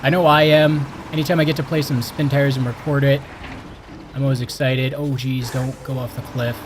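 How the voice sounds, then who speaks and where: A young man from Canada hosting his gaming channel, chatting excitedly and exclaiming as he plays. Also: medium pitch, normal speed, noisy background. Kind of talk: casual game commentary.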